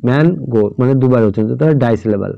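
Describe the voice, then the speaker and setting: A man's voice: mid-range voice, vocal fry, no room sound, narrow, tinny audio. Man teaching English grammar step by step. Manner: slow, sounds words out letter by letter; checks in often with "all right?". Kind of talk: explaining a grammar lesson.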